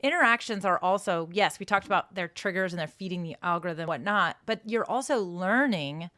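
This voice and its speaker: Female co-host, earnest explainer, low-ish voice, dry sound. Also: brisk, sharp tone, no echo. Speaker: live streaming co-host. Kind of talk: casual advice chat.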